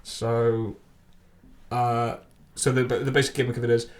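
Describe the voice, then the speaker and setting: A man's voice: mid-range voice, flat delivery. A man co-hosting a casual podcast chat, joking and swearing freely. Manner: fast, jokey, swears freely. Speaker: podcast co-host.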